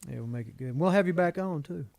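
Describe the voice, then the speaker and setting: A man's voice: fairly high pitch, lively intonation, fast talker, gravelly, a little mellow. A young man with a Southern US accent hosting a podcast, chatting in a laid-back, joking way with Southern slang. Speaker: podcast host. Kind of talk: casual chat. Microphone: podcast mic.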